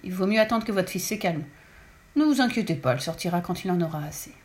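A woman voicing a gentle male doctor who speaks in a soothing, reassuring way. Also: on the low side, lively intonation, quick pace, close to an everyday voice. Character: calm, kindly family doctor, man.

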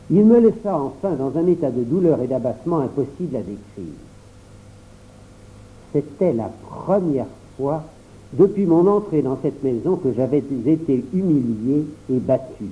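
A man narrating a storybook in the first person, expressive and voicing every character. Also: mid-range voice. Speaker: audiobook reader. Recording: tinny phone-like recording.

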